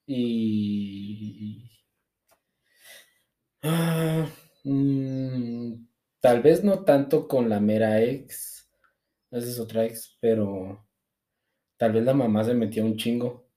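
A woman's voice: very deep voice, drawn-out words, long pauses, dark tone. A woman chatting casually, full of street slang and swearing. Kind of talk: casual chat.

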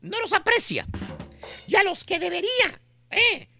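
A man with a Mexican accent hosting a comedy radio show, telling a story with lots of slang and dramatic pauses. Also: extremely high pitch, huge pitch swings, creaky, pushed and bright, soft background music. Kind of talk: comic storytelling.

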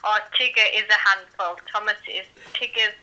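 A woman's voice: mid-range voice, steady tone, normal speed, pushed and bright, muffled recording. A middle-aged woman heard over a speakerphone call, chatting in a polite, rather formal way. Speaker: guest on a phone call. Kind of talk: casual chat.

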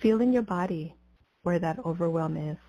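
A woman guiding a breathing meditation as a spiritual coach, in a soothing mystical healer manner with deliberate pauses. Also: lowish voice, dark tone, no echo. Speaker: podcast host and spiritual coach. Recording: slightly dull, muffled lo-fi audio.

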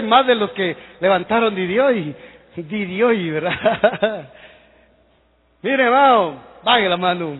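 A man preaching fervently to his congregation, raising his voice to shouts and speaking to them directly. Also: extremely high pitch, vocal fry, breathy edge. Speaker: pastor. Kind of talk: sermon. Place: church hall. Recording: dull lo-fi recording in echoing hall.

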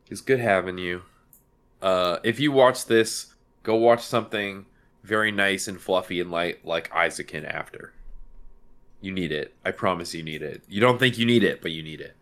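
Deep-voiced gushing male podcast host. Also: lively intonation, normal speed, fairly bright tone. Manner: gushing, emphatic, repeats himself. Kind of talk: casual chat.

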